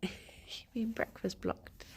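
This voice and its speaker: Streaming from home in the morning, a woman with a congested, blocked nose speaks slowly in a whisper. She chats casually, greets viewers by name, giggles, and uses soft baby talk with her pets.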